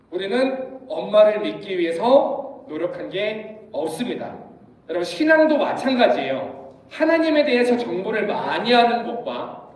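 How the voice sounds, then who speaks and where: High-voiced young pastor in echoey hall. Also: male voice, darkish tone, far from the mic. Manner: storytelling, acts out voices of people in his anecdotes. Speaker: youth pastor. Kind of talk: sermon at a youth retreat. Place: large church hall.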